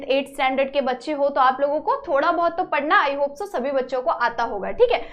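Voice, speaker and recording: A woman teacher talks through a recorded lesson at a steady, patient pace. She speaks in a high voice and checks in with her students again and again as she goes. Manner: explains step by step, repeating "ठीक है" as a check-in. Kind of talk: classroom-style video lesson.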